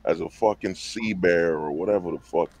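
A man's voice: low voice, moderate pace, darkish tone. A man on a livestream panel talking casually and emphatically, full of slang and rhetorical questions over a call mic. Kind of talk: casual debate talk.

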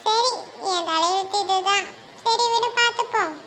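A performer voicing an earnest, lovesick young man in a comic cartoon, speaking softly and sincerely. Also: very high voice, moderate pace, background noise. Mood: dejected.

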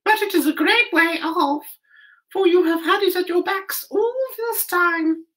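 A woman voicing a tiny, kindly female mouse queen with a squeaky, very high voice. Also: measured pace, a bit bright. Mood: kindly, helpful.

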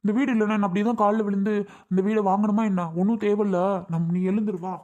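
A hot-headed younger brother with a noticeably raised, sharp voice, put on by a man in a village family skit. He speaks fast and with urgency, pushing hard and refusing to back down. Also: high-pitched, fairly even intonation, highs cut off, lightly acted. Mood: indignant. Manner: indignant, urgent.

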